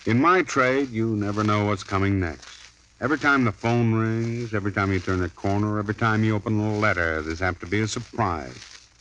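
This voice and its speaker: A man's voice: lowish voice, brisk, noisy background, natural voice. A man playing a wry hardboiled private detective in a 1950s radio drama, narrating in a dry voice and questioning people.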